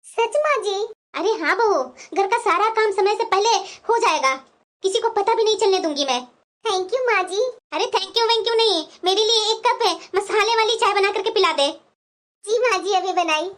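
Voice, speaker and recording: Woman with a very high voice carrying a cartoon family story, voicing both women, expressive. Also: moderate pace. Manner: expressive, switching between two figures. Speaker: voice actor voicing mother-in-law and daughter-in-law.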